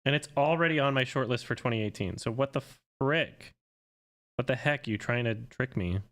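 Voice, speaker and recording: A man in his thirties from Canada chats casually on a live stream and cracks sarcastic jokes. His voice sits at an ordinary middle pitch. The talk is loose and off the cuff. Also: fairly bright tone. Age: 30s. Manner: sarcastic, quick to joke. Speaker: guest film critic.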